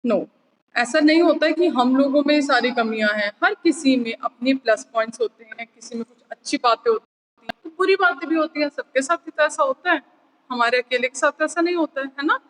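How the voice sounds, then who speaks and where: A woman's voice: high-pitched, brisk, a bit bright, long reverb tail, low-quality recording. A woman teacher with an Indian accent teaching an online class, switching between Hindi and English and checking in with her pupils.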